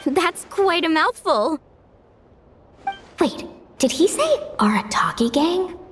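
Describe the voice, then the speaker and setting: Casting: sunny young game heroine, high lively voice, friendly, music underneath. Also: female voice, takes it slowly, a little hiss or hum, full character voice. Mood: upbeat. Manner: friendly, upbeat. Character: cheerful young woman contestant, friendly and eager. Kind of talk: game cutscene voice acting.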